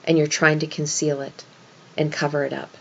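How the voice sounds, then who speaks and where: A woman with a fairly low voice speaks as a religious teacher, walking through an esoteric scripture lesson. She explains in an instructive manner and puts emphasis on key words. The recording is slightly dull and lo-fi. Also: level tone, normal speed, creaky, fairly bright tone, a little hiss or hum.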